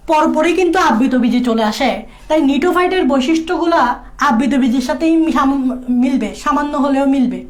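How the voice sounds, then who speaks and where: A woman tutoring biology for exams in a casual lecture, repeating key points and checking that students follow. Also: high voice. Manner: repetitive, drilling key points. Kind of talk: exam-prep lecture.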